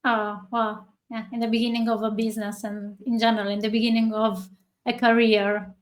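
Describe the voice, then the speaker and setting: A woman hosting a podcast interview over a video call, talking in a chatty, halting way. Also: a little high, little pitch movement. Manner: chatty, slow and halting, with laughs. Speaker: podcast host.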